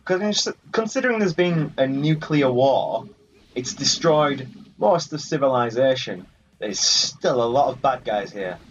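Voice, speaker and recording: Over video game music, a gaming video host banters and mildly curses at the characters during casual let's play commentary. He's animated but keeps a measured pace in a mid-range voice. The audio is muffled and lo-fi, with slight background noise.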